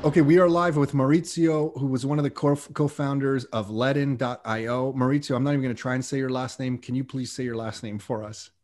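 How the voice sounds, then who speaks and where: A man's voice: mid-range voice, fairly even intonation, brisk, hardly any pauses, darkish tone, faint music behind. A man hosting a podcast in a chatty way, repeating key points as he talks. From Canada. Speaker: podcast host. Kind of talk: casual podcast talk.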